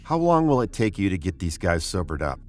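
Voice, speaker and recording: Playing an exasperated spaceship commander for a 1950s radio play, the American actor sounds brisk, commanding and sardonic, brusque and impatient as a middle-aged officer. His voice is low with big pitch swings, over slight background noise.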